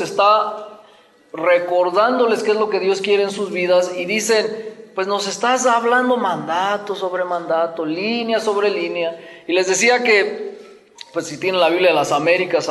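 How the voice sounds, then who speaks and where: Man, sermon, animated storytelling, slightly high voice, long hall echo. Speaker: preacher.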